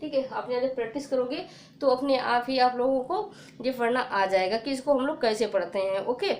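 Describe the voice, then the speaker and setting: At normal speed, a woman with a fairly high, darkish voice leads a children's phonics lesson. Patient and repetitive, she keeps asking questions and supplying the answers. Faint noise and echo fill the room.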